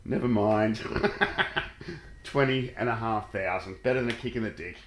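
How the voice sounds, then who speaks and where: A man's voice: lowish voice, fast, a bit bright. A man chats through a live game stream in a blokey, sweary way. His voice sits in an echoey room with some ambient noise behind it. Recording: roomy echo, background noise.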